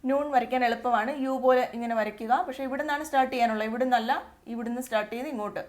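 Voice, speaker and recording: An Arabic tutor with a Malayali accent teaches the alphabet step by step in a slightly high voice with fairly even intonation. She takes it slowly and patiently, repeating each letter sound twice so learners can copy her.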